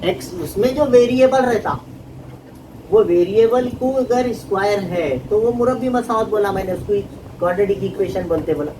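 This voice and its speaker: A man's voice: high-pitched, moderate pace. Male teacher, distant with traffic noise. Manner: explains patiently, often asking the class questions. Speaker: math teacher. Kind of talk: classroom lesson.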